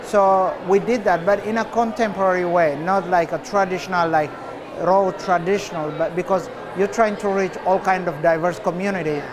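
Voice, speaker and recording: Soft-spoken artist man with many pauses. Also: sits high, fairly even intonation, crowd noise. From Ethiopia. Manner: unhurried, many filler pauses. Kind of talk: interview answers. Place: indoor cafe.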